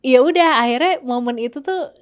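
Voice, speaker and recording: A woman's voice: high-pitched, moderate pace. Woman mixing in English. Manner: mixes English phrases, laughs often. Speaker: relationship coach co-host. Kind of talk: casual conversation.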